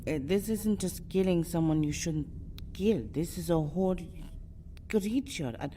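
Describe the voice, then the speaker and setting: Playing a seductive yet guarded vampire for an intimate ASMR roleplay, a woman speaks in a low, mellow voice, unhurried and close to her everyday register, sounding exasperated. Her lines are formal and dramatic, frequently dropping into a breathy whisper, over soft ambient sound and faint noise.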